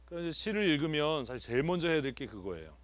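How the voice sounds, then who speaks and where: A man's voice: on the high side, very animated, very fast, no echo. A man, a pastor, teaching a Bible text to his congregation and asking its members what they feel about it. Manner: asks the congregation questions and repeats answers. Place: church sanctuary.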